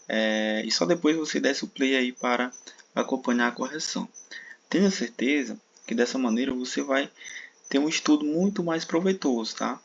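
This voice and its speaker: Male teacher with a Brazilian accent, mid-pitched and gravelly, patient and explanatory; slightly muffled sound. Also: a little hiss or hum. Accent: Brazilian Portuguese. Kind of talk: exam-prep video lesson. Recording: dull sound with faint crickets.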